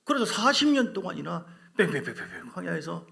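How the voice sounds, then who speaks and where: A male pastor preaching a dramatic sermon, swinging between loud bursts and whispers and acting out biblical figures. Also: high-pitched, big pitch swings, fairly quick, gravelly. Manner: acts out voices of biblical figures.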